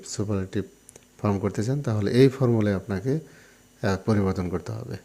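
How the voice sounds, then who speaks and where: Low-voiced man teaching English grammar. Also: warm tone. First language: Bengali. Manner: explains step by step, repeats key terms, asks and answers his own questions. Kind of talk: classroom grammar lesson to viewers.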